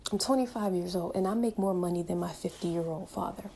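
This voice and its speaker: This home vlogger, a woman in her twenties, pours out an emphatic, opinionated to-camera rant loaded with rhetorical questions. Her voice is lowish, brisk, creaky and warm, with a little hiss or hum in the audio.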